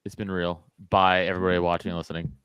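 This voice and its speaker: A man's voice: deep voice, flat delivery, rapid-fire, a bit bright, clear, resonant tone, dry recording. A man co-hosting a casual podcast with friends, joking and mocking in a profane, exaggerated way. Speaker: podcast co-host. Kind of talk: casual banter among friends.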